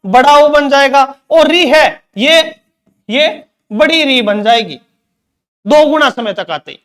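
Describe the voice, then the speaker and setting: A man's voice: very high voice, expressive, slow, a bit bright. A man teaching Hindi grammar in an exam-prep lecture, asking questions and answering them himself, repeating key terms.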